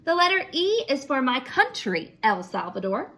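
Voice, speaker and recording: A woman's voice: high voice, moderate pace. A woman teacher reading a picture book aloud to children and then asking the class questions about it. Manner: expressive, asks children questions.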